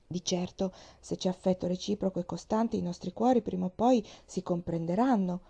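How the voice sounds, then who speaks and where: A woman reading a classic novel aloud as an audiobook, in a steady, measured way. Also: fairly low pitch, vocal fry, husky. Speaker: audiobook reader.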